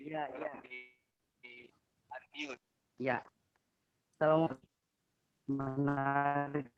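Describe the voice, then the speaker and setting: A man's voice: medium pitch, level tone, soft background music. A man speaking in an online meeting over a video call, his audio breaking up and cutting out so his words come in fragments. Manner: fragmented, halting speech with words cut out. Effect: choppy, breaking-up call audio that cuts in and out. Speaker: meeting participant. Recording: tinny, choppy video-call line.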